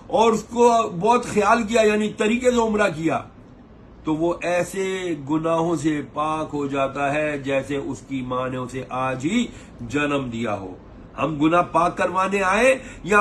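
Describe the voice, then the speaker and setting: Speaking to camera in a high, somewhat bright voice over a little hiss or hum, this umrah tour operator offers advice. His tone is scolding and sermonizing as he imitates the complaints pilgrims make.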